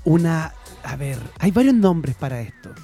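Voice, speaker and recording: A man's voice: fairly high pitch, very animated, normal speed, warm tone, soft background music. A man with a Chilean accent co-hosting a radio show, chatting casually and eagerly explaining while switching between Spanish and English. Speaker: radio co-host. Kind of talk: casual bilingual radio chat. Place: radio studio.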